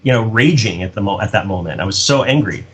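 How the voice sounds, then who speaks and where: A middle-aged man talks as a guest in a casual interview. His voice is husky and a bit breathy. His pitch swings widely as he rambles and restarts his sentences. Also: fast talker. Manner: animated, chatty, many restarts and fillers. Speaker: guest writer-director.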